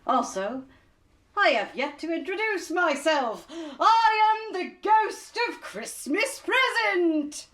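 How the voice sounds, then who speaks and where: A woman acts out a theatrical Christmas ghost for a radio play. The voice is high and sweeps widely up and down at an unhurried, slow pace. The spirit comes across as forgetful and playful. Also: sing-song, fairly bright tone, exaggerated voice. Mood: scatterbrained. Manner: theatrical, scatterbrained.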